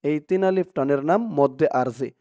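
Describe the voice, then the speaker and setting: A man teaching Quran reading, spelling out letters and vowel marks one by one, then chanting the Arabic words in a drawn-out, louder voice. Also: a little high, dry recording, studio quality. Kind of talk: slow spelling-out recitation lesson.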